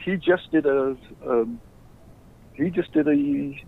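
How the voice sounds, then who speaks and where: Husky man from England over a phone line. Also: a little high, slow. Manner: relaxed, plain storytelling. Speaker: guest musician. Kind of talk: casual interview chat.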